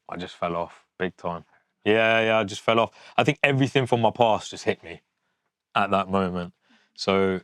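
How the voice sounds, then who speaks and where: In a fairly low voice, captured dry and at studio quality, a young fashion designer in his twenties talks candidly and matter-of-factly to camera for a documentary, unscripted and informal. He was born in Yorkshire, England, to a family from Pakistan.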